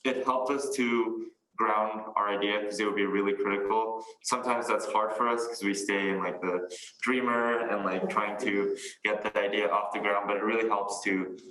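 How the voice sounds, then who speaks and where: A man born in Mexico, a first-year student, speaking calmly with frequent fillers. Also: fairly low pitch, moderate pace, hardly any pauses. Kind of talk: casual chat. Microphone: video call. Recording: echoey room.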